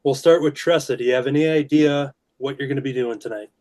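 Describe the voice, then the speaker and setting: A man hosting a casual drawing show, talking in a relaxed way with frequent "uh" fillers. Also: mid-range voice, fast. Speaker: host. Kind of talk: casual video-call chat while drawing.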